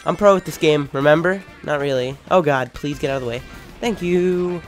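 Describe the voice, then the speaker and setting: Young guy with a lisp doing a let's play, excitable n rambly, kinda high voice, bit of game music behind. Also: normal speed. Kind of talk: casual gameplay commentary. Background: video game music.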